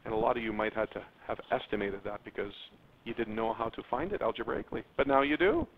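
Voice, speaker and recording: With a fairly low voice and a quick pace, a man leads a lively math lesson, drawing out words, jumping up in pitch on key terms and addressing his students directly. The audio sounds tinny and phone-like, a lo-fi classroom recording with faint noise.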